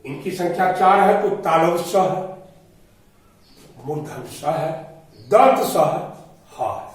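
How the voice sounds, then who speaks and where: A man teaching a grammar lesson in a slow, explaining manner, listing items one by one. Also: high-pitched, lively intonation. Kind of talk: classroom-style grammar lesson. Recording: echoey room, voice from far off.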